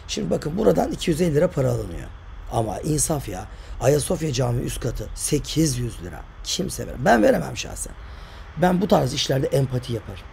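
Gravelly-voiced older man, fiercely opinionated. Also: mid-range voice, dark tone, a little hiss or hum. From Turkey. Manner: emphatic, argumentative, rhetorical questions. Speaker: tour guide and author. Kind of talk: opinionated vlog commentary.

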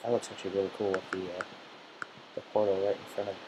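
A man's voice: sits low, fast. A teenage boy talking through his own video game session, jittery and nervous, muttering to himself as he plays. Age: teens. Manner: nervous, jittery self-talk while playing. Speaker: gamer. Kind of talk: let's play commentary. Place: room in a family home. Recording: steady background hiss.

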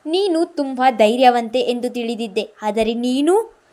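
Woman reads tender young man, caring and worried, soft mellow tone. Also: sits high, measured pace. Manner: gentle, worried, soothing.

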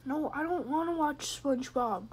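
A woman's voice: high-pitched, normal speed, slight background noise. A woman playing a horror game and commenting in a jokey, rambling way, sometimes dropping to a whisper. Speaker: gamer. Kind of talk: let's play commentary.

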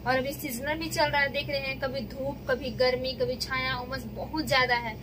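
A woman talks directly to her viewers in an earnest, pleading way. Her words come with a sense of hurt. The recording has clear background noise with vehicles passing. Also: sits high, level tone, normal speed. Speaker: vlogger, mother. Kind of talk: casual vlog talk to viewers.

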